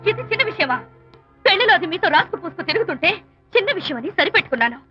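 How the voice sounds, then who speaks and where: In a 1990s film scene, an actress plays a proud, jealous young wife snapping indignantly at her husband with cutting retorts. Her extremely high, bright voice is forceful, exaggerated, very animated and very fast. The muffled soundtrack carries music beneath her.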